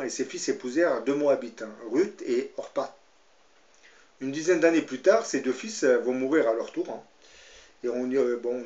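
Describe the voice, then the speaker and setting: A man speaks in a mid-pitched voice, part commentary and part Bible storytelling. He hesitates often and fills his sentences with fillers and tag questions. The recording is echoey and a bit muffled. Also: darkish tone. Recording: roomy, slightly dull sound.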